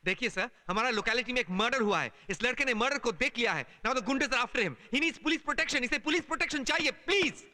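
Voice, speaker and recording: A man's voice: extremely high pitch, animated, fairly quick, hardly any pauses, bright, forceful tone, heavily acted. An actor playing a frantic young man who mixes Hindi and English as he pleads. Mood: pleading. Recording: noisy film soundtrack.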